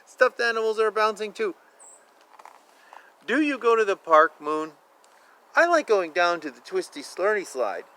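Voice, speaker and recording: Reading a picture book aloud to young children outdoors, this man is playful and chatty, full of exclamations and asides, and he stretches words for emphasis. His high, bright, forceful voice swings widely in pitch at an unhurried pace with frequent pauses. Faint outdoor ambience sits in the background.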